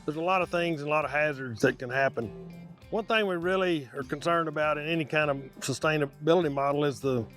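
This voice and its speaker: A man's voice: fairly high pitch, quick pace, fairly bright tone, soft background music. A man explaining things in an interview as a livestock industry expert.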